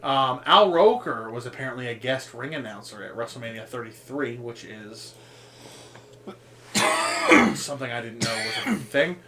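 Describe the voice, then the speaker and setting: A man's voice: medium pitch, very animated, normal speed, heavy background noise. A man co-hosting a casual podcast, rambling through a list with frequent ums, swearing and laughing at his own jokes. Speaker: podcast co-host.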